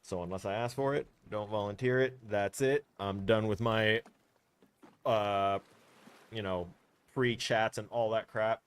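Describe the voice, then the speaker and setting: A man's voice: on the low side, fairly even intonation, a little slow, slight background noise. A man streaming a game from home, chatting casually in a blunt, firm way that rambles with fillers. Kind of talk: casual livestream chat. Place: home room.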